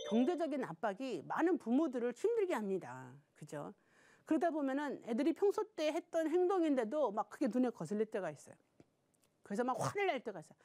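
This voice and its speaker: A woman lecturer with a fairly high voice that swings widely in pitch. She addresses her audience directly, throws out rhetorical questions and acts out short scenes as she teaches. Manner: animated, acts out little quoted scenes; talks straight to the audience with frequent rhetorical questions. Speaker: professor giving a lecture.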